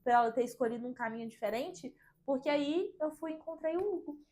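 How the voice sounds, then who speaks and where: Young female guest, high voice, lively chatty storyteller. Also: fast. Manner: lively storyteller, fills with "meio tipo assim". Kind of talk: casual chat.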